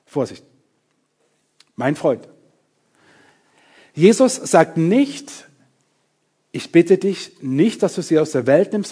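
A middle-aged man preaching a sermon, emphatic and lively, talking straight to his congregation with self-mocking asides. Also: on the high side.

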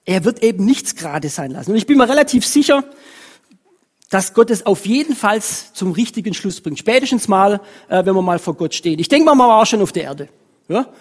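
A woman preaches in a husky, slightly breathy voice at an ordinary pitch. She talks conversationally, often tossing questions back at her listeners. Her voice carries a long hall reverb. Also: expressive, fairly quick. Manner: conversational, frequent tag questions. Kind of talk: sermon.

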